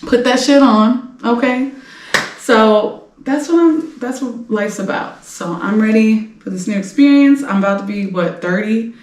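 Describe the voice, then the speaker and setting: A woman's voice: on the high side, a little slow, darkish tone, roomy sound, far from the mic. A woman in her late twenties hosting a celebrity gossip podcast, talking casually in a brash, blunt way and swearing freely. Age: late 20s. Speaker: podcast host.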